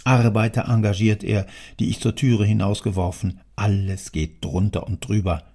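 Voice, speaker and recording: A man voicing a grumpy, tyrannical old male factory owner in an audiobook, scolding in a thundering, gravelly voice. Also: on the low side, steady tone, moderate pace, mellow. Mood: grumbling. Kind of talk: audiobook character voice.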